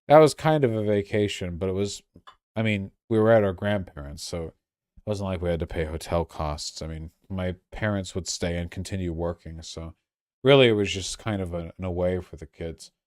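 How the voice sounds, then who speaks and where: A man's voice: low voice, moderate pace, darkish tone, dry recording, clean studio sound. A very drunk man rambling on a casual livestream, crude, losing his thread and stumbling over repeated words. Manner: crude, swearing.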